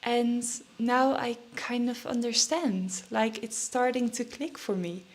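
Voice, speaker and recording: A woman's voice: on the high side, fairly even intonation, slow. A young woman chatting casually in a vlog, a bit nervous and out of breath, with many fillers and restarts. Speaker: trading vlogger.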